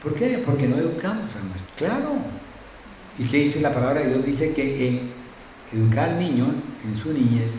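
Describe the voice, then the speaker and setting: A man's voice: mid-range voice, very animated, moderate pace, warm tone, a little hiss or hum. A middle-aged male pastor preaching a sermon conversationally, with frequent tag questions and acted-out anecdotes. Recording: very echoey church room.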